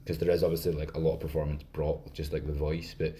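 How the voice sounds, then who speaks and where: A man's voice: very deep voice, little pitch movement, fast talker, mellow, a little hiss or hum. A Scottish man co-hosting a podcast, talking casually about film with many fillers and restarts. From Scotland. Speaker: podcast co-host.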